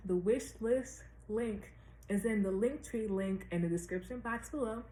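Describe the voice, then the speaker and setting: An American woman talking slowly and deliberately with a slight retainer lisp, giving casual spiritual guidance to viewers and repeating phrases for emphasis. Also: mid-range voice, mellow. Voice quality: slightly lisped speech from wearing a dental retainer. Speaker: tarot reader and astrologer hosting a weekly series. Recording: roomy echo with faint background noise.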